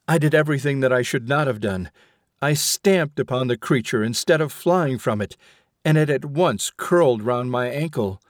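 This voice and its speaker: A haunted young rebel recounts his ordeal in earnest, dramatic first person, voiced by a man reading an audiobook. The voice sits in a middle male pitch. The recording is dry and close. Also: no room sound.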